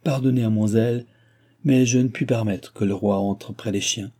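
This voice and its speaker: A man's voice: fairly low pitch, steady tone, moderate pace, warm tone, natural voice. A man reading an audiobook, voicing an overzealous palace officer who pleads earnestly with his king. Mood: alarmed.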